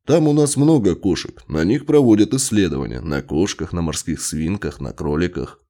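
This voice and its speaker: A man's voice: deep voice, expressive, normal speed, warm tone, pitched below the performer's own voice. A male narrator voicing a cold, irritable scientist husband who talks curtly and sneers. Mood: coldly gleeful. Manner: curt, snapping, sneering.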